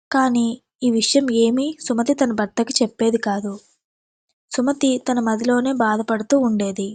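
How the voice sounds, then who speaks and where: A woman's voice: fairly high pitch, darkish tone, dry recording. A woman narrating an emotional family story in a plain, sympathetic way.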